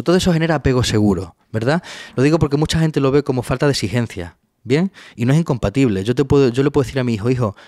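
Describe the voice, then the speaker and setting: A man's voice: mid-range voice, darkish tone, dry recording, studio quality. A man, a psychologist guest, explaining a topic patiently in a webinar and often checking in with his listener.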